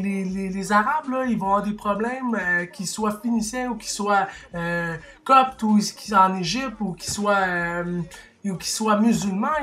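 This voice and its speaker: A man's voice: sits high, fairly bright tone. A man with a Québécois French accent delivers a heated opinion monologue. He talks emphatically and rhetorically, stumbling into restarts and fillers as he drives his points home. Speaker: vlogger.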